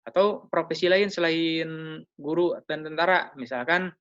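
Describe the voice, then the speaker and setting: A male teacher giving a recorded lesson, slowly drilling phrases with frequent hesitant fillers. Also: fairly high pitch, fairly even intonation, a bit bright, smooth, dull audio.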